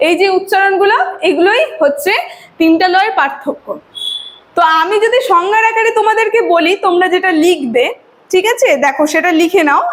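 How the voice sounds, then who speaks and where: High-voiced woman teacher dictating notes. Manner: explains step by step, often checks in with "okay?"; dictates definitions for students to write down. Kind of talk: online lecture.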